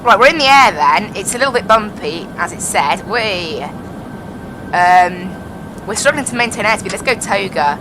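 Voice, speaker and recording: A woman's voice: mid-range voice, expressive, normal speed, background noise. A woman flying a simulated airliner, talking into a pilot headset and chatting casually as she explains each step. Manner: chatty, explains as she flies, repeats "I have to be honest". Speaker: flight sim pilot and streamer. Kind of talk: casual live-stream commentary over a cockpit headset.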